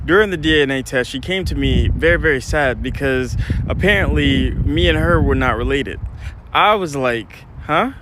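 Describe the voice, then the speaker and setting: A man's voice: mid-range voice, moderate pace, noisy background. A middle-aged man telling a painful personal story in an earnest, hurt, plain-spoken way. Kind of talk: personal story told to camera.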